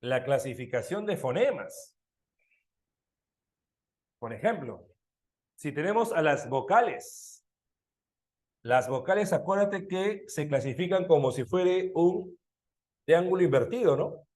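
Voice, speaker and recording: Lively male teacher, echoey room. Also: on the high side, measured pace, long pauses. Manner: lively, questioning students often, animated. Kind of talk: online exam-prep language class.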